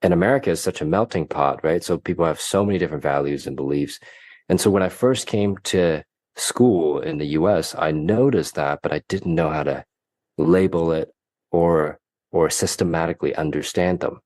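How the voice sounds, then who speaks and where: A man from Hong Kong, a guest coach, answering interview questions in a measured, explanatory way with occasional restarts. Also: rumbling low, a little mellow, no echo. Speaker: guest, mind-performance coach.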